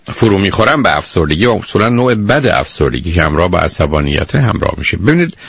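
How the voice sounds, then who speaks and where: A man's voice: deep voice, very animated, gravelly, slightly rough, no echo. A man hosting a call-in advice show, counseling a caller in a blunt, lecturing way and calling her "dear", heard as a muffled radio broadcast.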